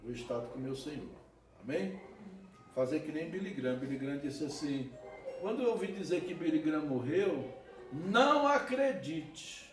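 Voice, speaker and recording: A man with a Brazilian Portuguese accent, a pastor preaching an animated sermon with laughter and asides. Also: a little high, moderate pace, soft background music. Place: church hall. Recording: echoey church hall, mic at a distance.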